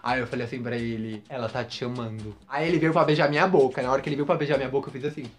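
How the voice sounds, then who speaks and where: A man's voice: mid-range voice, very fast, soft background music. A man vlogger spills a story straight to camera. His delivery is campy and theatrical, and he keeps turning to the audience to gossip with them. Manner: gossipy, dramatic, campy, addresses viewers as "gente" and "menina".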